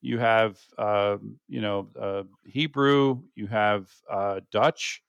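A man's voice: fairly low pitch, steady tone, slow, creaky, fairly bright tone, smooth, no echo, muffled recording. A man born and raised in the United States hosting an interview, asking curious questions in a chatty way with frequent "you know". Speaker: interview host. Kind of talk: casual interview conversation.

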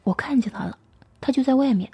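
Cast: jittery young woman, urgent whisper, read by a woman, breathy and soft. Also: high-pitched, quick pace, pitched above the performer's own voice, full character voice.

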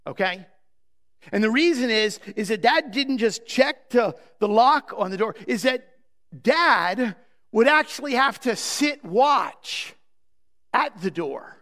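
A man preaching a sermon as pastor, emphatic and posing rhetorical questions to the congregation, often drawing phrases out slowly. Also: very high-pitched, a bit bright. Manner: emphatic, with slow drawn-out phrases. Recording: long reverb of a large hall.

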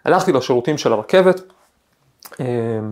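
A man at a mid pitch hosts a podcast as a professor. He talks reflectively, weaving personal anecdotes into the ideas, often pausing to search for words. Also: animated, darkish tone. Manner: thoughtful, storytelling, frequent hesitations.

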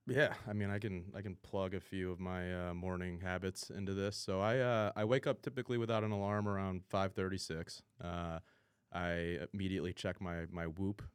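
A man's voice: sits low, little pitch movement, moderate pace, smooth, no room sound, clean studio sound. A man answering casually as an interview guest, a company founder talking in informal business speak.

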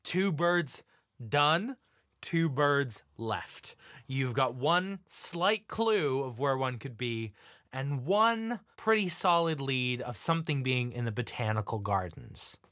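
A man's voice: mid-range voice, lively intonation, slow pace, sharp tone, no echo, studio quality. A man running a tabletop game as game master, narrating the improvised action in a theatrical, playful way.

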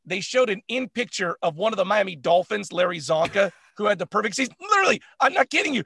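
A man co-hosting a casual sports chat, animated and laughing often, with lots of filler words. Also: high voice, fast talker, creaky, breathy edge, no room sound, studio quality. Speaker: co-host.

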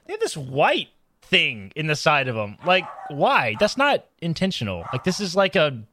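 Animated joking male co-host. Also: a little high, moderate pace, a little hiss or hum. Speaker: podcast co-host. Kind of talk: casual chat.

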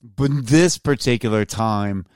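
Man, podcast co-host, tipsy, rambling, smooth low voice. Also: measured pace, darkish tone, no room sound, studio quality. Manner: rambling storyteller, self-mocking, restarts words. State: tipsy from drinking. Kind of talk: casual chat.

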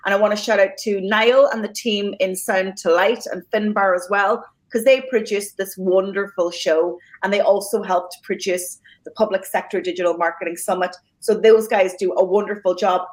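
A woman's voice: mid-range voice, rough recording. A woman hosting a podcast, talking casually and giving thanks with many fillers and restarts. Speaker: podcast host.

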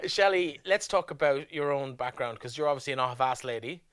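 Smooth-voiced Irish man hosting. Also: mid-range voice, a little fast, a bit bright, dry recording, clean studio sound. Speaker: interviewer, host. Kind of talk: conversational interview.

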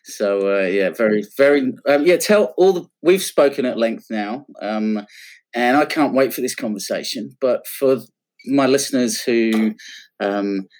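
A man's voice: medium pitch, a little slow, a little mellow. A man hosting an interview podcast. He speaks in a friendly, self-deprecating way, with frequent restarts and fillers. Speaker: podcast host.

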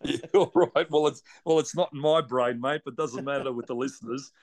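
A man's voice: mid-range voice, fairly even intonation, fairly quick, darkish tone, no room sound. Blunt Australian man, dry close sound. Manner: blunt, joking, slangy. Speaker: racing driver, podcast guest. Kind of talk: casual interview chat.

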